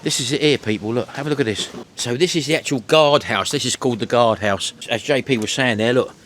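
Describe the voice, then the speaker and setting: A man's voice: medium pitch, fairly quick, fairly bright tone, slight background noise. A middle-aged man hosting a casual walk-and-talk vlog, chattily addressing his viewers. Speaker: vlog host. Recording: music behind the voice. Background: music.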